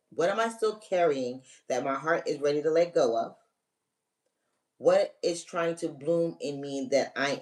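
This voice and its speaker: A spiritual reader with a mid-range, slightly mellow voice guides live-stream viewers through a ritual step by step, coaching casually but emphatically with direct commands and frequent check-ins. The voice sits a bit distant from the mic.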